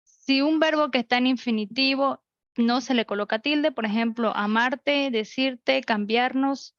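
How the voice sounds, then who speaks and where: Online teacher, woman, higher voice, slightly dull lo-fi mic, methodical. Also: unhurried, no echo. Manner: explains rules step by step with examples. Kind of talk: online class lecture. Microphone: computer mic.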